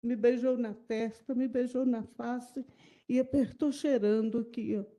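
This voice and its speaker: Halting Brazilian woman giving courtroom testimony. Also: a little high, fairly even intonation, mellow. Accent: Brazilian Portuguese. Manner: halting, repetitive, emotional recounting. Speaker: witness testifying in a jury trial.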